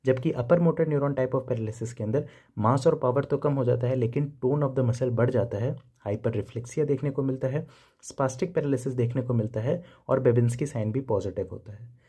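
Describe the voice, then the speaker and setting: A man's voice: medium pitch, a little fast, mellow, slightly rough. A young man teaching physiology in a recorded video lecture, explaining step by step and repeating key terms.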